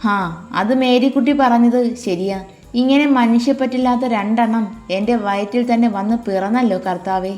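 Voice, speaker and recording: A woman storyteller voicing a sharp-tongued old grandmother who speaks sarcastically. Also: a little high, fairly even intonation, normal speed, faint music behind, lightly acted. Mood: sarcastic. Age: older. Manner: sarcastic, mocking.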